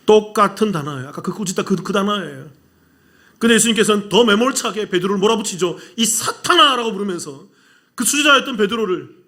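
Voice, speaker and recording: A man preaching a sermon as pastor, asking the congregation rhetorical questions and swinging between loud, rising appeals and hushed, low asides. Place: church sanctuary.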